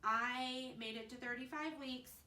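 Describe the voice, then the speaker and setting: Young woman, mom vlogger, chatty and earnest, bright voice, echoey room, a bit far from the mic. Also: sits high, steady tone, slight background noise. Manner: earnest, fast-talking, chatty. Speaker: vlogger, mother of twins. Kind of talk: casual advice vlog. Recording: roomy, slightly distant mic.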